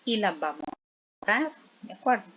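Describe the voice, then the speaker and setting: A woman teaching a spelling lesson, explaining slowly and patiently and often checking in with her students. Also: medium pitch, big pitch swings, fairly bright tone, slightly rough, highs cut off. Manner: slow, patient explaining with frequent check-in questions.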